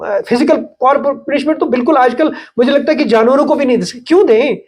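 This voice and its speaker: A man's voice: extremely high pitch, quick pace, a little mellow, husky. Middle-aged man, thoughtful and hesitant. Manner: thoughtful, hesitant with many fillers and restarts. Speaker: education expert guest. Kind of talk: podcast interview.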